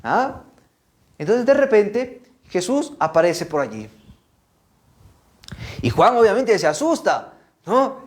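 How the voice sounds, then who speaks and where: Lively Peruvian man teaching children. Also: high-pitched, slow, pauses often. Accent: Peruvian Spanish. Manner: animated storytelling, frequent "¿no?" and "¿ah?" tags; repeats words and restarts often. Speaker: catechist. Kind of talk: children's catechesis talk.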